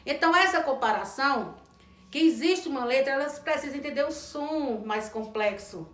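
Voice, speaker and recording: A woman teacher trainer giving an instructional lesson, slowly sounding out words and letters. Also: high-pitched, animated. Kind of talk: instructional lesson on early literacy. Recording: echoey room.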